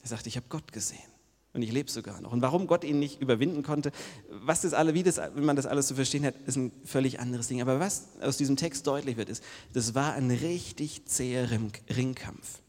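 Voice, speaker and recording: A man preaching a church sermon, telling the story casually and swinging from loud bursts to near whispers. His voice sits at an ordinary middle pitch. A long reverb hangs on every word in the church hall. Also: fairly quick. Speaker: pastor.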